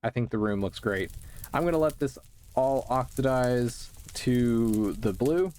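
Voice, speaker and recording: Male creator, casual game commentary, unhurried delivery, mid-pitched, rambling and self-effacing. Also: expressive, a little mellow. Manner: rambling and halting, with many restarts; self-deprecating, easygoing. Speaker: Minecraft video creator.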